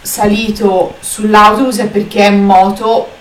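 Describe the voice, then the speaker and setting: A woman's voice: medium pitch, flat delivery, measured pace, crowd noise. An Italian woman hosting a casual chat, prodding with questions and correcting the others. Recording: echoey room with voices behind.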